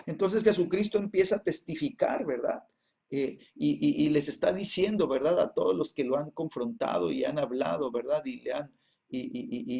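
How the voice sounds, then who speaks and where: A man teaching a Bible class, reading verses slowly and then explaining them with many hesitations and repeated tag questions. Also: on the high side, vocal fry, a little mellow.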